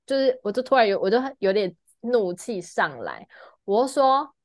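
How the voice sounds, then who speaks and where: Woman, Taiwanese Mandarin accent, casual chat, animated storytelling, dry close recording. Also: medium pitch, normal speed, dry recording. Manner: animated storytelling, loudly acting out shouting passengers. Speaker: podcast co-host.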